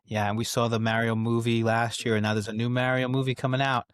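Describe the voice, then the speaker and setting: A man's voice: mid-range voice, little pitch movement, fast, clean tone. A middle-aged man with a Bronx accent hosts a casual interview, prompting with easygoing questions and short replies. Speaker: host interviewing his son.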